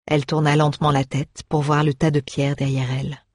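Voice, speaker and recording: A woman reading a fantasy story aloud in a steady, measured way. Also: sits low, dry recording, studio quality. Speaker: audiobook reader. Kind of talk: scripted fantasy narration.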